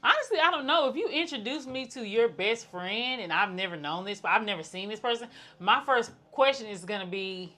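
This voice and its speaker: A woman co-hosting a podcast in casual chat, speaking in a flat, nonchalant, one-tone way. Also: fairly high pitch, fairly quick, few pauses. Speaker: podcast co-host.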